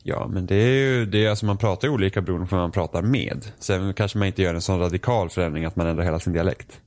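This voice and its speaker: A man's voice: low-pitched, a little mellow. A young man co-hosting a casual chat podcast, with a standard Swedish accent and a dry, self-deprecating way of talking in loose restarts. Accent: Swedish from Sweden, Finland-Swedish family background. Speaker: podcast co-host.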